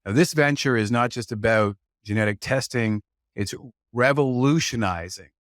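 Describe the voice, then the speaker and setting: A man's voice: lowish voice, dry recording, studio quality. A man hosting a podcast, reading an earnest scripted welcome and then chatting casually with his guest. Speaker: podcast host.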